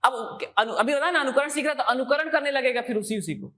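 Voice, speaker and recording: A woman's voice: sits high, quick pace, a bit bright. A woman teaching an exam coaching class in a classroom, repeating key terms and quizzing her students with questions.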